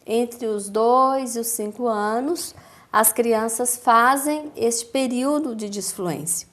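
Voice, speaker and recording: A woman with a Brazilian accent, a speech therapist giving a calm, didactic explanation in a TV interview, with measured pauses. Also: on the high side. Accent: Brazilian Portuguese.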